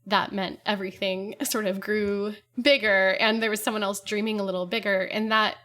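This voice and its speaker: A woman's voice: medium pitch, steady tone, moderate pace, pushed and bright. Chatty woman composer in interview. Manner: chatty, with frequent fillers and laughs. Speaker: composer and guest. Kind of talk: casual interview talk.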